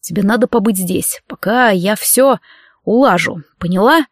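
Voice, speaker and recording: A woman's voice: medium pitch, normal speed, no room sound, clean studio sound, natural voice. A woman voicing a brusque, possessive male professor who speaks curtly and firmly. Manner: curt and firm.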